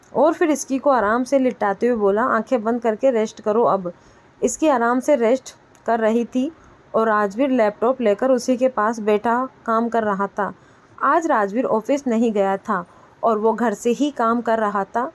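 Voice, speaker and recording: Woman narrating a storybook tale. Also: a little high.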